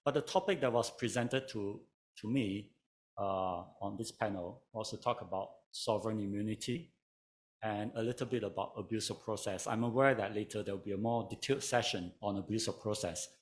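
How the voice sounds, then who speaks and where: Low-voiced man giving a lecture. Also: slight background noise. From Malaysia. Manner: measured, storytelling, dry humor. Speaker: panel speaker. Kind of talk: conference lecture.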